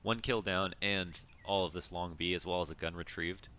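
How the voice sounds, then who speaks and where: Man, deep low voice, bright edge, esports commentary, faint noise behind. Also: steady tone. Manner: laughs often, quick analytic. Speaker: esports caster. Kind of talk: casual live commentary banter.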